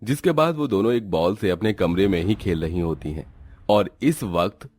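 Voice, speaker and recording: A man narrating a cartoon horror story in an even storytelling delivery. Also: sits low, normal speed.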